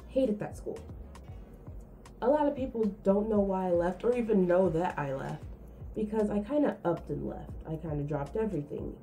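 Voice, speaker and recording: A woman's voice: mid-range voice, warm tone, poor audio. A young woman telling a candid, rambling true story from her own life on her vlog. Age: young adult. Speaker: vlogger.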